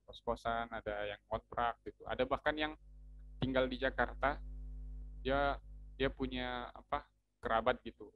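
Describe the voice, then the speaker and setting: With a Medan-style Indonesian accent, this young North Sumatran man gives a casual, informative talk as an alumni speaker, full of fillers and false starts. His voice is mid-range and the audio sounds dull.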